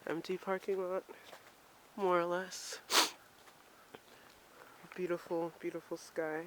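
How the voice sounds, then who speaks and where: A woman's voice: on the low side, flat delivery, slow pace, heavy background noise. A woman from Maryland chatting casually to her camera while walking outdoors, rambling and self-mocking, a little out of breath. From Maryland, USA. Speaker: vlogger. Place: outdoors on a snowy street. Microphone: handheld camera while walking.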